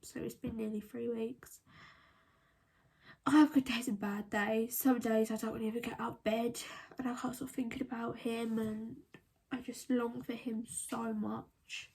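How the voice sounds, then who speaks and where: A woman telling a personal story to camera while crying and trying to hold back tears, halting and breaking into whispers. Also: on the high side, level tone, creaky, darkish tone, slightly rough. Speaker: vlogger.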